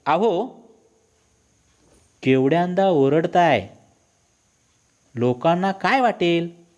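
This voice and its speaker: Man doing a scolding wife, pitched up and loud, reproachful nagging, read aloud in class. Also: very animated, normal speed, husky. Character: exasperated scolding middle-aged wife.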